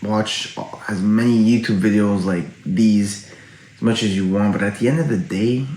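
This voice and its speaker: Pensive low-voiced man in a roomy space. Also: moderate pace, warm tone. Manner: pensive, musing aloud; casual, frequent swearing. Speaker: online video creator. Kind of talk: reflective late-night vlog monologue. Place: indoor room at night. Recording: roomy indoor echo.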